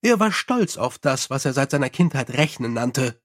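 A man reading a novel aloud as an audiobook narrator, with expressive, lively storytelling. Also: mid-range voice, moderate pace. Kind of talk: scripted narration.

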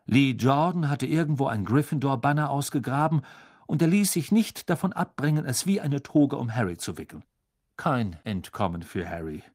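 Mann liest dramatisch vor, rau, nah am mikro, kein hall. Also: male voice, medium pitch, moderate pace, studio quality. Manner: expressive, dramatic storytelling. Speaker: audiobook narrator. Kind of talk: scripted audiobook narration.

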